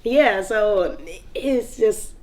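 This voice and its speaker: In a relaxed interview, a young woman rapper from North Carolina shares stories in a Southern accent, drawing out her words in a medium, slightly mellow voice. She laughs frequently and leans heavily on "like".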